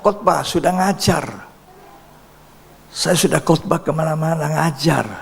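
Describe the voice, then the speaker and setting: A man preaching a sermon as a pastor, telling a testimony with sudden loud rises and soft drops. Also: mid-range voice, creaky, slight background noise. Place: large church hall. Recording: church hall reverb.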